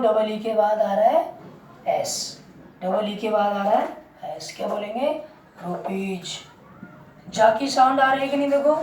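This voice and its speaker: A woman teaching pronunciation in a slow, unhurried lesson, repeating each point and quizzing listeners with questions. Her voice sits somewhat high but sounds mellow. It comes from some distance off the mic, in an echoey room with a faint hum behind it. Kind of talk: classroom-style lesson.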